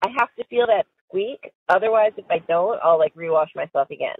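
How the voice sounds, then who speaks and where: A woman's voice: lowish voice, lively intonation, a little fast, husky. Chatty giggly woman on a prison phone. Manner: chatty, giggly, full of fillers like "like". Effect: recorded prison phone call. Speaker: caller to an inmate. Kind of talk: casual phone chat. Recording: tinny, dry phone line.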